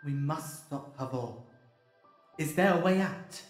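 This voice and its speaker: A quick-witted, whimsical alien adventurer played by a man in a sci-fi audio drama. He is theatrical and resolute, his pitch leaping about over background music. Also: expressive. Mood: urgent, resolute. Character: clever, whimsical, resolute male time-travelling alien adventurer.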